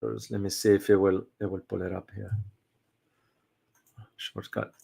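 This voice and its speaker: Slow, halting man hosting a livestream. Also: on the low side, level tone, vocal fry, warm tone, husky. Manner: halting, many fillers and restarts. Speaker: host. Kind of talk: casual livestream talk.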